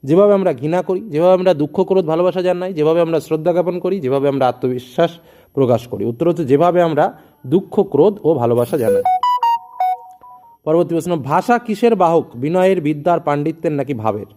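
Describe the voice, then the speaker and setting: A man's voice: a little high, lively intonation, fast talker, dark tone, faint music behind. A male tutor reading exam questions with their options and then giving the answers, speaking directly to students. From West Bengal, India.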